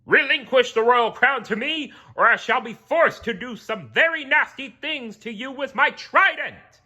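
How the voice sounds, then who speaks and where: A man's voice: sits high, sing-song, measured pace, bright, forceful tone, lo-fi sound, pitched above the performer's own voice, heavily acted. A man reading aloud while voicing a pompous, thundering male merman king in a kingly manner. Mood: commanding.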